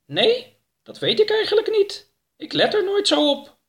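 A man voicing a curious young male creature in a high, lively put-on voice. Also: measured pace, exaggerated voice.

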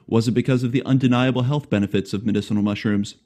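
Quick-paced and mellow, a man's medium-pitched voice holds a steady tone as he opens his podcast with a scripted intro. The casual interview that follows has him posing rambling, friendly questions and cracking light jokes.

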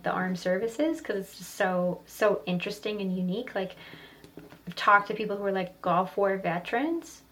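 Woman, 30s, podcast host, casual storytelling, profane, rambling, medium pitch. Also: a little hiss or hum. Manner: profane, rambling, animated when retelling stories.

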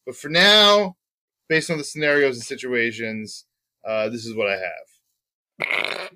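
A man's voice: mid-range voice, unhurried, pushed and bright. A man co-hosting a podcast, chatting casually about racing bets, rambling and joking with lots of ums. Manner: rambling, jokey, many ums. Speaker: podcast co-host.

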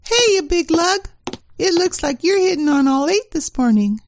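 A woman's voice: very high-pitched, expressive, normal speed, a little hiss or hum. A woman playing a sassy, bossy detective's secretary full of tough slang in a comic radio play. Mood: breezy.

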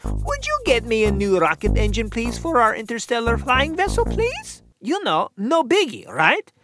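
A woman's voice: fairly high pitch, wildly swooping pitch, moderate pace, music in the background. A woman voicing a curious, literal-minded alien boy who calls humans earthlings, with a whimsical, wide-swinging delivery.

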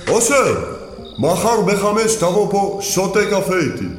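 A man's voice: sits high, expressive, faint music behind. An actor playing a stern, protective older immigrant father who speaks broken Hebrew, in a radio drama.

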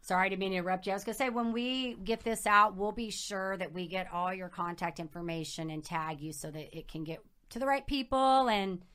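A woman's voice: mid-range voice, a little fast, hardly any pauses, a bit bright, smooth. A woman hosting a podcast interview, bubbly and enthusiastic, laughing often. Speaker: podcast host. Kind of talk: casual interview chat.

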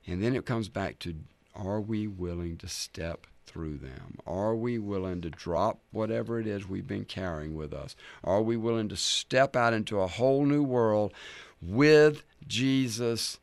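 A man preaching a sermon, swinging from loud dramatic scripture readings to soft near-whispers and speaking to listeners as friends. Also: on the low side, unhurried, vocal fry, no room sound. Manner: addresses listeners directly as friends.

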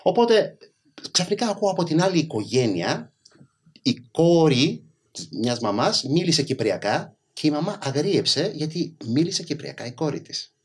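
A man's voice: a little high, slightly rough. A middle-aged man with a mainland Greek accent, telling stories casually and emphatically as a podcast guest. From Greece. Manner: animated, emphatic, acts out quoted speech. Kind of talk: casual conversational storytelling.

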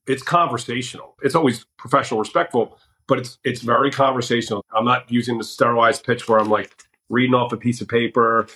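A man's voice: medium pitch, steady tone, a little fast, bright, forceful tone, low-quality recording. A man from the US Northeast telling blunt, conversational sales stories on a podcast. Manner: blunt, conversational, acts out his own quoted lines. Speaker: sales guest. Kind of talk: casual podcast storytelling.

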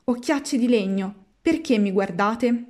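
An old woodcarver, as a woman reads him, mutters to himself in a storybook, grumbling but soft at heart. His voice is mellow and unhurried, a touch slower than the telling around it. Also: on the high side, lively intonation. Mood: annoyed.

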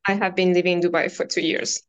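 A French woman who founded a brokerage appears as a podcast guest, giving casual, earnest interview answers in a French accent, full of fillers and repeated phrases. Her voice is lowish and level, quick-paced, clear and resonant.

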